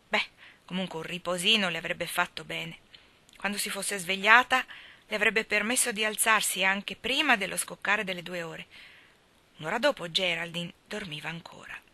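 A woman reading a novel aloud as an audiobook narrator, expressive and lively in her delivery. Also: fairly low pitch. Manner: expressive reading, voicing characters. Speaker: audiobook reader.

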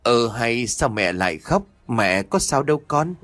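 Man voicing an old grandmother, frightened, gentle, high and lively, dry close sound. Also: a little slow, dry recording.

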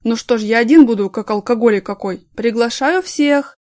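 A bitter, drunken former stage actor bellows and slurs his grievances, put on by a woman reader. His voice sits high and loud with a dry, close sound. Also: moderate pace, no room sound, lightly acted. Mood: mocking. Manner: slurred, shouting, self-pitying. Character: drunk bitter male ex-theatre actor, middle-aged.

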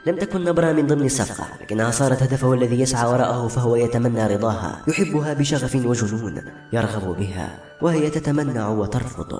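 A man narrating a novel in an expressive, dramatic reading. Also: mid-range voice, quick pace. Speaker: audiobook narrator. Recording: roomy audiobook recording, faint music.

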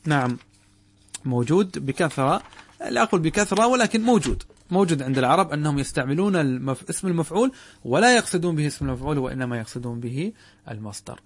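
Fast-talking male grammar teacher. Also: fairly high pitch, animated. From Saudi Arabia. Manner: asks students questions and answers them. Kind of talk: classroom lesson explaining a text.

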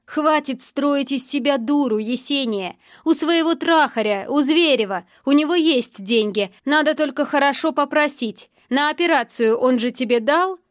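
Brief: drunk, bullying young thug, loud and crude, raised pitch when shouting; woman reads him. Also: normal speed, few pauses, no echo, studio quality, close to an everyday voice. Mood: yelling. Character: drunk, aggressive young man, threatening and crude.

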